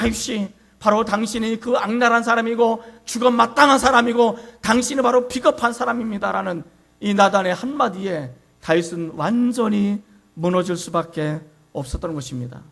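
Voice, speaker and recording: A man preaching with a high, gravelly voice, telling a story with dramatic rises in intensity. A low mains hum sits under the recording. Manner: dramatic storytelling, shouting quoted lines. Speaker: pastor. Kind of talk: sermon.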